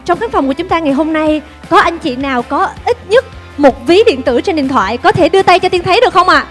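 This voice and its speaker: High-voiced Vietnamese woman hosting an event. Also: expressive, fast, a bit bright, faint music behind. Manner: upbeat, engaging the audience with questions. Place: conference hall.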